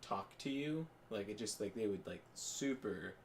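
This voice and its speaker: Gaming while he talks, this young podcast co-host keeps things casual, full of fillers, restarts and meandering thoughts. His voice is on the low side yet expressive, moving at a measured pace, with a little hiss or hum in the recording.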